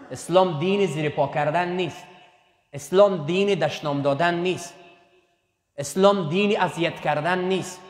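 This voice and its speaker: A man preaching a sermon in Persian, repeating phrases for emphasis and raising his voice on key points. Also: a little high. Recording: echoey hall with long reverb.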